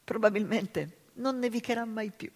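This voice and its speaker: A woman reading aloud voices a gentle, pious spinster sister in a storybook reading, lifting her voice to sound soft and earnest. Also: on the high side, normal speed, breathy edge, voice pushed up. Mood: serene. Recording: reverberant live hall reading.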